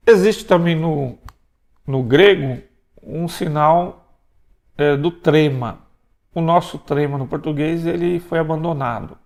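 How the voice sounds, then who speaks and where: A man from Brazil giving a recorded language lesson. His voice sits a little higher than most men's. He explains patiently and points things out on the board as he goes. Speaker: Greek language teacher. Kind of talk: recorded lecture.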